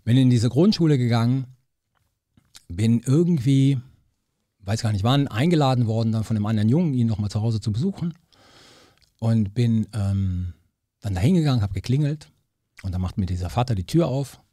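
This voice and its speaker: Husky-voiced man telling lively anecdotes. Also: mid-range voice, normal speed, long pauses, no room sound, clean studio sound. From Cologne, Germany. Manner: animated storyteller who acts out quoted voices. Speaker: guest, political scientist. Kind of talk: casual storytelling interview. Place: studio.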